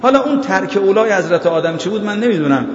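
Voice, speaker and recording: A man's voice: high voice, expressive, a little hiss or hum. Preaching man in an echoey hall. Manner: recites Arabic verses slowly, asks listeners if they follow. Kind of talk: sermon. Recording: echoey hall, dull lo-fi sound.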